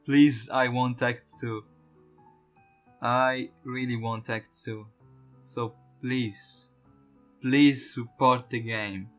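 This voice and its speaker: A gaming YouTuber hosts a let's-play, chatting casually, swearing now and then, and reading on-screen text aloud. He has a medium-pitched, fairly bright voice with fairly even intonation, speaks extremely slowly with frequent pauses, and soft music plays in the background.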